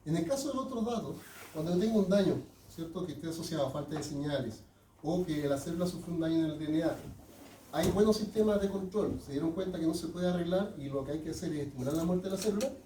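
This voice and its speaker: A man with a slightly high, mellow, expressive voice teaches a class at a quick pace, often asking his students check-in questions. The lecture is captured from afar in an echoey classroom, with slight background noise.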